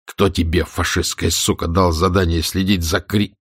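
A man voicing a furious, cursing foreign agent who shouts abuse in a car. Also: sits low, fairly even intonation, normal speed, husky, no echo, studio quality. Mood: furious shouting. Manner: shouting, abusive.

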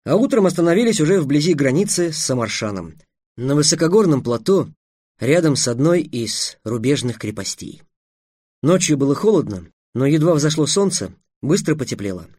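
Expressive male audiobook narrator. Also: fairly high pitch, normal speed, husky, no room sound, clean studio sound. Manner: expressive storytelling.

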